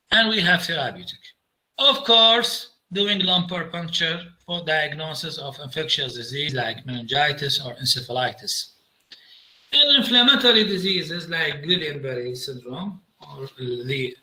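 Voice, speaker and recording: A man with an Iraqi accent giving a medical lecture over slides, halting with frequent fillers and slipping into Arabic. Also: fairly high pitch, bright, forceful tone, rough recording.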